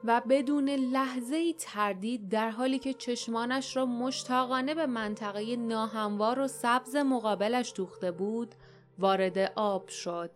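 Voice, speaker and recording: Woman, audiobook narrator, steady storytelling, a bit high voice, soft music behind. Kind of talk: scripted narration.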